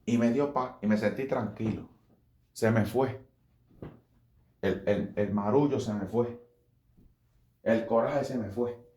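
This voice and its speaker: A man's voice: on the low side, takes it slowly, pauses often, warm tone, reverberant. A man giving an informal sermon, talking conversationally, repeating phrases and calling his listeners brother. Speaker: preacher.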